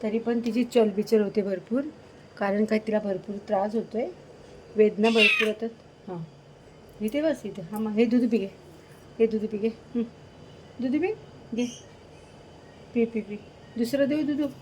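A woman's voice: medium pitch, fairly even intonation, normal speed, long pauses, a little hiss or hum, low-quality recording. A woman fussing over her cat and talking to it, in a casual home vlog at night. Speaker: vlogger caring for a pregnant cat.

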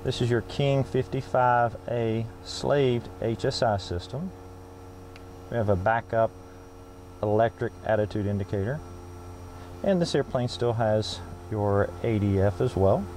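A man's voice: mid-range voice, a little slow, a little mellow, slight background noise. A middle-aged man giving a sales walkaround presentation as an aircraft salesman, speaking into a lapel mic. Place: outdoors on an airfield tarmac and inside a small plane cabin.

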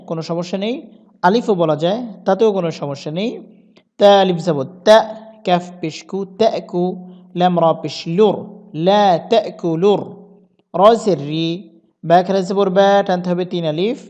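A man with a Bangladeshi Bengali accent teaching Quran reading, spelling each word letter by letter and then chanting the verses slowly. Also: high-pitched, a little mellow, muffled recording. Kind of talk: spelled-out Quran recitation lesson.

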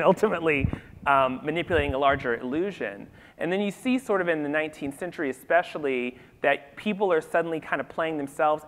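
A man speaking on a festival panel about theater, thinking aloud in an animated way with lots of "you know"s. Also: on the high side. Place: festival event hall. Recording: reverberant hall.

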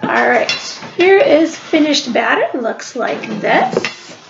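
In an echoey kitchen, a library cooking show host walks through her home cooking demo step by step, chatting as a webcam across the counter records. Her high-pitched voice is expressive, slow and gravelly, and the dull lo-fi audio has background noise.

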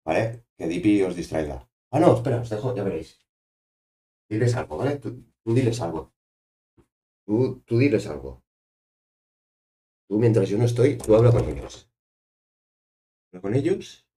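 On a live stream, a man with a low, dark-toned voice chats playfully while drawing, repeating himself and bossing a toy around in casual conversation.

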